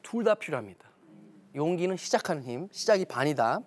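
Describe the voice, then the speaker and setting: A man's voice: fairly high pitch, sing-song, brisk. A man giving a televised lecture on parenting, telling stories animatedly and acting out quoted dialogue.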